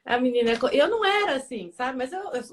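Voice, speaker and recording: A woman hosts a relaxed conversation and thinks aloud as she goes, circling back on her words. Her voice sits a little high for a woman. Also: fast talker, a little hiss or hum. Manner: chatty, thinks aloud with fillers. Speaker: host. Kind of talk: casual chat.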